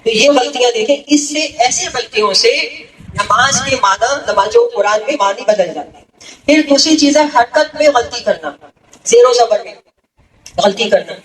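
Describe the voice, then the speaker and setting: A woman's voice: fairly high pitch, animated. A woman religious speaker teaching a gathering, explaining step by step and often checking that listeners follow. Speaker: female religious speaker (zakira). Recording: echoey hall, distant mic, faint noise.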